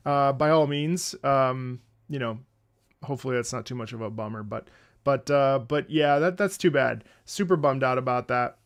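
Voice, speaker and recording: Excitable chatty male game streamer. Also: mid-range voice, moderate pace, smooth. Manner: excitable, rambling, swears and laughs often; greets chat by name. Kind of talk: casual livestream chat.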